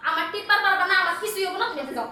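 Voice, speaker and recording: Woman playing a sharp-tongued young village wife, bright piercing voice, faint hiss behind. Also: very high-pitched, very fast, exaggerated voice. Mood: teasing, mocking. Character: bold teasing young wife of a man working abroad. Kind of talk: comic village skit acting. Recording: echoey room from far off, faint hiss.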